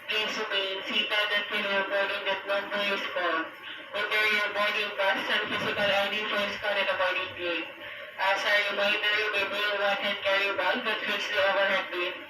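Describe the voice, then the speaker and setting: Man on an echoey airport intercom. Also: high voice. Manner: measured, even, formal delivery. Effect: over an airport public address loudspeaker. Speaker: airport gate announcer. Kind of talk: formal scripted announcement. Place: airport departure gate area, indoors. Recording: echoey loudspeaker from far off, loud music.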